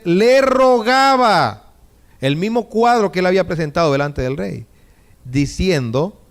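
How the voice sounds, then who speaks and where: High-voiced preaching man. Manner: preaching with dramatic retellings and rhetorical questions. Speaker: pastor. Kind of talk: sermon.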